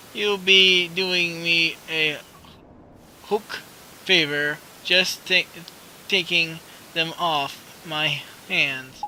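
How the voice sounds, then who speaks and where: A man voicing a kindly old woman shopkeeper in a video game, reading her lines in a raised pitch and stumbling over words. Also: pushed and bright, a little hiss or hum, exaggerated voice, rough recording.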